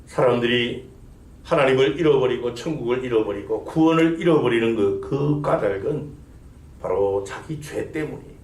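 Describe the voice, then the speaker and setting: A man's voice: mid-range voice, normal speed, a little mellow. Man, pastor, sermon, emphatic rhetorical questions, echoey sanctuary. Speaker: senior pastor. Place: church sanctuary.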